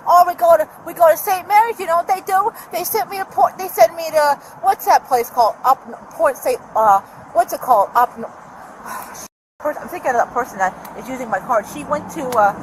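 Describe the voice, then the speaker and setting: Woman, agitated, rambling, high voice, outdoor parking lot, noisy body camera sound. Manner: agitated, rambling, quick to shout. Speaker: person living in her car, questioned by deputy. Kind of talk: heated street argument. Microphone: deputy's body camera. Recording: noisy outdoor bodycam audio.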